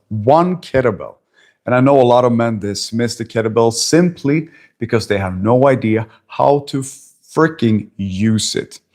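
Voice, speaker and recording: A Swedish personal trainer in his forties talks bluntly and emphatically to camera in a talking-head fitness vlog filmed at a friend's house, swearing now and then. His voice is medium in pitch.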